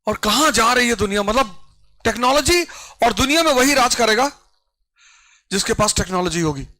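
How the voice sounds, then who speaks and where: A man teaching a history class, animated and urging his students, dropping English phrases into his talk. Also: very high voice, normal speed, dry recording, low-quality recording.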